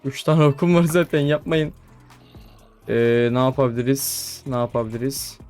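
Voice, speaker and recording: A man's voice: mid-range voice, normal speed. Chatty young man narrating gameplay. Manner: chatty, talks to mobs, frequent excited exclamations. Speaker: gaming YouTuber. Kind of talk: casual gameplay commentary. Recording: faint background music.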